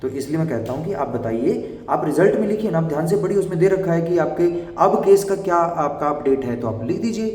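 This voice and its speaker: A man's voice: a little high, animated, darkish tone. Young man coaching, echoey room. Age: young adult. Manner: brisk and instructive, addresses viewers directly. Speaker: teacher giving interview advice. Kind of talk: explainer video talk. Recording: echoey room, voice from far off the mic.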